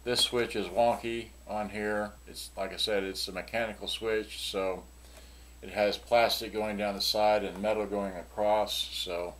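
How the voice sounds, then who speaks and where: In a cluttered little workshop, an older man shows off used electronics for sale in a loose, rambling way. His voice is lowish and fairly bright, his delivery flat and unhurried, and the recording carries clear room noise plus the clicking of switches he handles.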